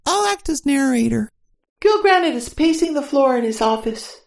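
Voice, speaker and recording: A sassy secretary who loves to give orders. Her voice is very high and creaky, recorded dry. She throws slang around in comic radio-play style. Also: animated, moderate pace, dry recording. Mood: eager storytelling. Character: bossy, sassy female secretary steeped in detective slang.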